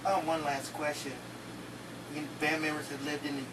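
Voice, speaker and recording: A man's voice: a little high, level tone, moderate pace. A man interviewing a musician, asking questions in a hesitant way, searching for words. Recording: distant mic with loud background noise.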